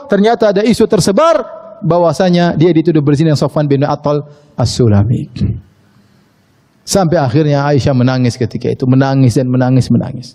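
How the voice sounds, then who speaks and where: A man preaching a sermon, telling a story in a lively way and acting out the quoted speech. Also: high-pitched, long reverb tail. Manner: animated storytelling, acts out quoted speech, chuckles at his own asides. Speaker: Islamic preacher.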